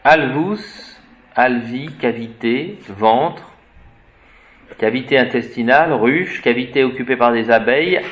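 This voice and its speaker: A man lecturing on the roots of words at an unhurried, deliberate pace. He spells terms out letter by letter and muses aloud as he goes, often halting with fillers while he hunts for the right word. His voice sits at an ordinary middle pitch. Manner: hesitant, searches for words with fillers. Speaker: etymology teacher. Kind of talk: unscripted etymology lecture.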